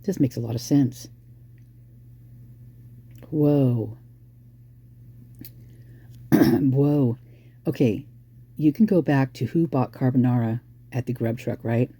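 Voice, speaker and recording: Hoarse, dark-voiced true crime vlogger. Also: mid-range voice, moderate pace. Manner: thinks aloud, exclaims at sudden realizations. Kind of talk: casual speculative commentary.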